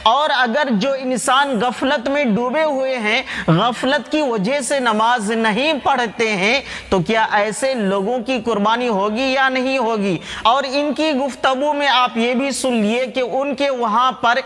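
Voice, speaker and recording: High, bright-voiced man arguing a religious point. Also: a little slow, few pauses, long reverb tail. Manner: argumentative, full of rhetorical questions, addresses viewers as friends. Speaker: channel host. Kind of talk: religious commentary and rebuttal.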